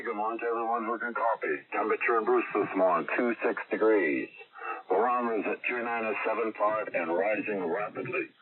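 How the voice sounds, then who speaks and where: Man over static-filled ham radio. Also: lowish voice. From Massachusetts, USA. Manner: reads numbers in clipped call-sign radio style. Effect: ham radio transmission with static. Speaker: amateur radio weather net check-in. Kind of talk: radio weather report. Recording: tinny, static-filled ham radio line with loud background noise.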